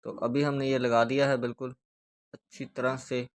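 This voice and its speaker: Flat-voiced man explaining a repair. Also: mid-range voice. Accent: Pakistani Urdu. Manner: steady, repetitive explaining while working with hands. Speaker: speaker repair instructor. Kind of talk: hands-on repair tutorial.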